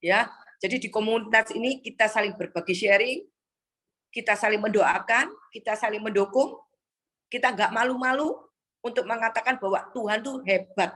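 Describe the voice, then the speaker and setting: A woman's voice: a little high, normal speed, a bit bright. A woman preaching an exhorting sermon to a congregation on a video call, often calling the listeners "Saudara".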